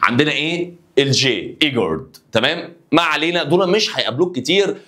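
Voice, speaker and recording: A man's voice: on the high side, lively intonation, quick pace, bright, forceful tone. A man with an Egyptian Arabic accent teaching an online language lesson, drilling letters and asking students to repeat after him.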